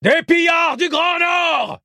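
A man doing a shrill, terrified ship's pilot. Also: takes it slowly, dry recording, studio quality, exaggerated voice. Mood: panicked shouting. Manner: shrill with rising fear, shouting. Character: frightened middle-aged male ship's pilot. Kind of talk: audiobook character voice.

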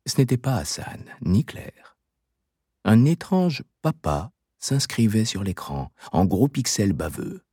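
A man narrates a novel in a low voice. His intonation moves widely through the sentences. The recording is very dry and close. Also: a little mellow, breathy edge, dry recording. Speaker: audiobook narrator. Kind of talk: scripted narration.

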